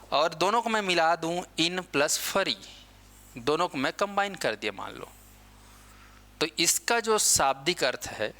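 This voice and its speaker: A man's voice: a little high, bright, forceful tone. A male teacher giving a lecture, asking his class questions and answering them himself, with English words mixed in. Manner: asks questions and answers them himself, repeats key points.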